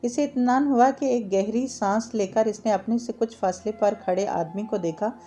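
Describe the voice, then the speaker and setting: Female storyteller, mellow and unhurried, reading aloud with occasional stumbles. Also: medium pitch, soft background music. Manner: steady, slightly halting reading with small slips. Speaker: story reader.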